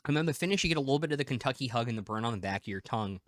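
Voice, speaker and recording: A man's voice: mid-range voice, animated, rapid-fire, no room sound, studio quality. A man in his thirties hosting a casual whiskey tasting, chatty and enthusiastic as he describes the flavors. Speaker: whiskey review host.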